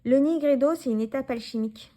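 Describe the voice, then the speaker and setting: A woman's voice: sits high, fairly quick, dark tone. Chatty French woman reviewing tarot decks. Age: 40s. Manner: chatty, rambling, many fillers and restarts; talks to the viewer directly, handling cards. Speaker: tarot YouTuber. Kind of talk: casual deck review vlog.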